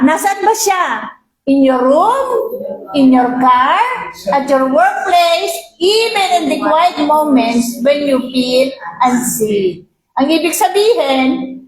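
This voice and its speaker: High-voiced Filipino woman pastor preaching. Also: echoey room, poor audio. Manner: asks the congregation often, mixes English readings into Filipino. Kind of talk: sermon.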